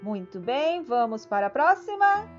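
A woman's voice: high-pitched, very animated, moderate pace, highs cut off, soft background music. A woman teacher with a Brazilian accent, quizzing and praising a helper in a sing-song children's lesson.

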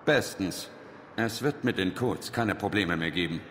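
Casting: resolute sci-fi game commander, very low voice, stern and blunt, long reverb around him. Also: male voice, measured pace, a bit bright. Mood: curt. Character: hard, resolute male human military commander. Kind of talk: dramatic video game acting. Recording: reverberant, faint noise and ambience.

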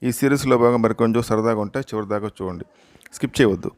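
A man hosting a joke channel who reads short jokes aloud in an unhurried storytelling way, doing every part in his own voice. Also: on the low side, darkish tone, no echo, clean studio sound. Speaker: joke channel host and reader.

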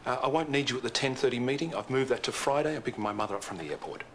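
An actor playing a brisk, businesslike hospital boss and father in a TV soap. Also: mid-range voice, a bit bright, slight background noise, close to an everyday voice. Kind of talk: TV soap acting.

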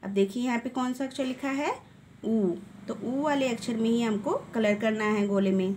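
A woman teacher giving a recorded lesson to young children, talking patiently and slowly, drawing out vowel sounds and checking in with "okay" after each step. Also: fairly high pitch, a little mellow, a little hiss or hum. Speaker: primary school teacher.

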